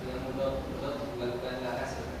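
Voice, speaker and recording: A man answering a teacher's questions, quiet and unsure. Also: medium pitch, completely flat delivery, brisk, a crowd in the background. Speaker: student. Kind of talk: answering in class. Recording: echoey hall, voice from far off.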